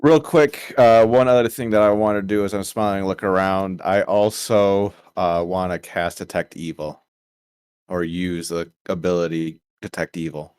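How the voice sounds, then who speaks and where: A man's voice: deep voice, fairly even intonation, moderate pace, darkish tone, clear, resonant tone, dry recording, studio quality. A man playing a tabletop game, describing his actions hesitantly with many fillers. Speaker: player. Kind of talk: casual tabletop role-play.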